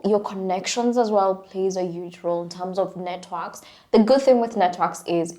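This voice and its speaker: Woman, 30s, founder on a podcast panel; mid pitch, quick and emphatic. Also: mellow. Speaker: CEO and founder. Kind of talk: casual podcast discussion.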